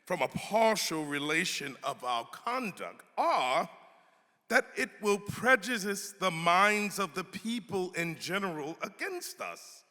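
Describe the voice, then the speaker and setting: With a bright, forceful and slightly high voice, a man declaims a formal 18th-century pamphlet as a dramatic, emphatic oration. A long reverb, like that of a hall, surrounds his reading.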